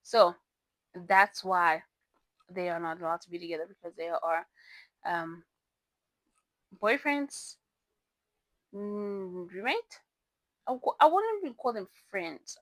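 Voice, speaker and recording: A young woman who isn't a native English speaker hosts a casual book review vlog on her channel, rambling through her picks. Her voice is on the low side with no room sound, and she's chatty, often correcting herself and dropping giggly asides.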